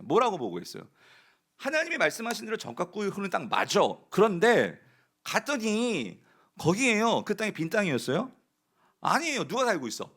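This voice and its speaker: Male pastor, sermon: bright, lively delivery with high pitch, keeps quizzing the congregation. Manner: animated preaching, asks the congregation questions and answers them; acts out quoted speech of the spies and of Caleb.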